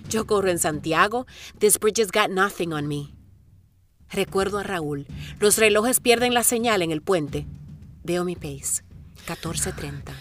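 A middle-aged woman narrates her marathon in the first person, with reflective inner-monologue narration and sudden bursts of excitement. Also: lowish voice, slight background noise.

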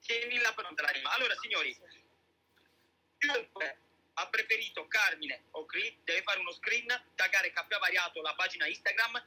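A man's voice: sits high, bright, forceful tone, breathy edge, poor audio. A man, casually hosting a live show on a voice-chat app. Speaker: host of a live audio show.

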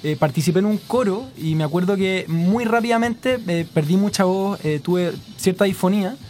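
High-voiced man, quick joking guest. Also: a little mellow, soft background music. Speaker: singer guest. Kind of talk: radio chat.

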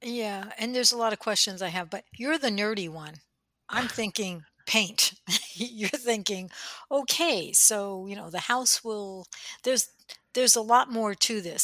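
Bright-voiced woman asking questions. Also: medium pitch, no echo. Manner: curious, questioning, conversational. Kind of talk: casual discussion.

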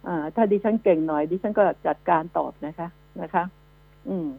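A woman's voice: lowish voice, normal speed, vocal fry, dry recording. Scolding woman on a tinny radio line. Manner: scolding, emphatic, rhetorical questions to listeners. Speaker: radio news commentary host. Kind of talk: opinionated radio news commentary. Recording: narrow phone-like radio line with mains hum.

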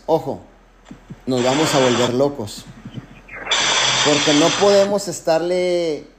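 A man's voice: fairly high pitch, a little mellow. A man who leads a network marketing team, giving an emphatic motivational talk full of anecdotes and direct address.

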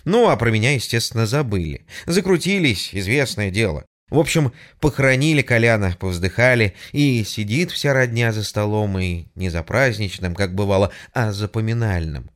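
A man's voice: on the low side, normal speed, few pauses. Man reading a funny story, wry and chatty, voice swoops up and down a lot. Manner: wry, conversational, lively storytelling.

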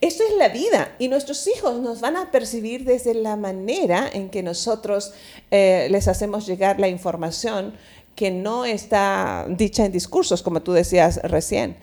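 A woman's voice: medium pitch, moderate pace, dark tone. A woman co-hosting a talk show in casual conversation, reflective and often laughing as she speaks. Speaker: co-host. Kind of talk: casual chat.

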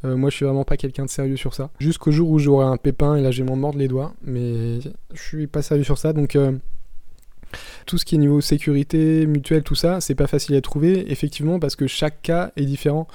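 Man with a very dark, smooth voice. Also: fairly high pitch, steady tone, fairly quick, dry recording. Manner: frank, conversational, addresses the listener directly. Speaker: podcast host answering listener questions. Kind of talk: casual podcast monologue.

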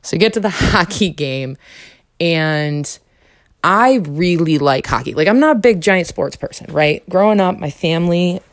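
A young adult woman hosting a podcast, telling a casual story animatedly and acting out quoted lines with sudden high jumps. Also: animated, unhurried, no room sound, clean studio sound. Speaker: podcast host.

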